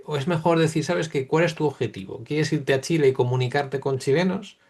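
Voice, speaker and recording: A man hosts the interview. His voice sits a little high. He asks long, searching follow-up questions. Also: a little fast, a little mellow. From Spain. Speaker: interviewer, host.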